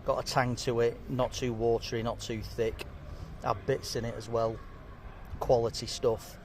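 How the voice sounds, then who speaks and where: A chatty, jokey man reviews fish and chips to camera from an outdoor table, his voice sitting at a middle pitch. Faint street and traffic noise hums behind him. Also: flat delivery, unhurried, darkish tone. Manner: chatty, jokey, talks while eating. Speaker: food vlogger. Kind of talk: casual food review to camera.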